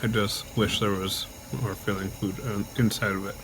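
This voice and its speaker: A man chatting casually to camera in a halting, low-key way, his mouth numb, dry and stiff after jaw surgery. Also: flat delivery. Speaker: vlogger, patient recovering from jaw surgery. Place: hospital room. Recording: clear background noise throughout.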